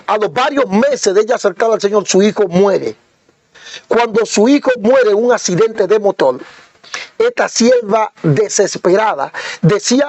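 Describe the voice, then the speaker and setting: A man preaching a sermon, telling his experiences as a story, repeating phrases and pausing often on fillers. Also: sits high, no room sound. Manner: storytelling, repetitive, frequent hesitations. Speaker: apostle preacher. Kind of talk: sermon testimony.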